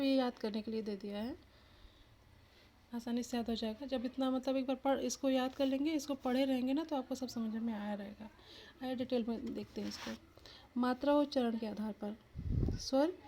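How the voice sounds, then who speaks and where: A woman's voice: high-pitched, warm tone, slight background noise. A woman teacher giving an exam-prep lesson, asking the viewer questions and sounding out each letter aloud.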